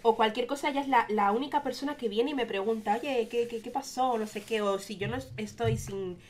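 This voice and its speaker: A woman's voice: on the high side, fairly even intonation, fairly quick, slight background noise. A young woman telling a casual storytime monologue in a chatty, rambling way full of fillers. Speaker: vlogger.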